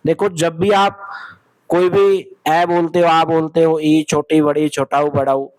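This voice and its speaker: A young man with a Haryanvi Hindi accent teaching an exam-prep lesson, asking questions and answering them himself and calling his students "bhai". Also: fairly high pitch. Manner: explains step by step, asks questions and answers them, calls listeners "bhai".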